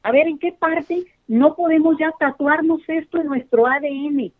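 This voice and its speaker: A woman's voice: sits high, normal speed. A woman speaking as an expert guest in a phone-in interview, emphatic and explanatory, talking straight to the listeners. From Mexico. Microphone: telephone. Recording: tinny phone line.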